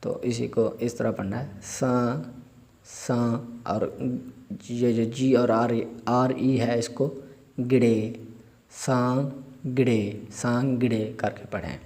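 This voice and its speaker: A man teaching vocabulary, spelling each word out slowly letter by letter and explaining pronunciation. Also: medium pitch, steady tone, warm tone. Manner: slow, drawn-out spelling of words letter by letter; asides in Urdu-Hindi with polite fillers. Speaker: language teacher.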